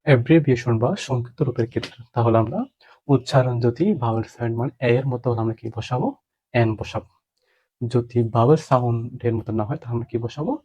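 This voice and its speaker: A man's voice: mid-range voice, warm tone, slightly rough. A man teaching a grammar lesson, asking questions and answering them himself.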